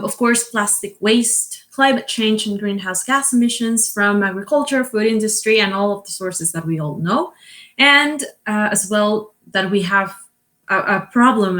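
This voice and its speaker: Presenting the company she co-founded and leads as CEO, a woman from Costa Rica speaks in a fairly bright, mid-range voice. Her business talk is earnest and explanatory, often broken by fillers and fresh starts.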